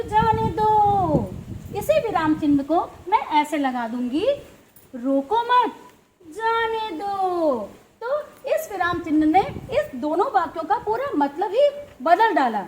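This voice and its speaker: A woman teacher narrates a school play for her pupils. Her voice is very high and swings freely up and down. She speaks slowly and stresses each point, with faint noise behind her. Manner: slow, emphatic and instructive, addressing children.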